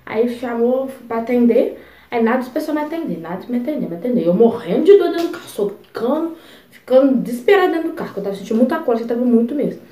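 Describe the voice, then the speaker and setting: A young woman vlogger telling a personal story in a chatty, expressive way, full of asides. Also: on the high side, quick pace, reverberant. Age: young adult. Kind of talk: casual storytelling.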